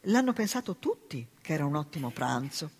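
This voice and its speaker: A woman reading aloud voices a gentle, pious spinster sister in a storybook reading, lifting her voice to sound soft and earnest. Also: low-pitched, sing-song, brisk, slightly rough, full character voice. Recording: reverberant live hall reading.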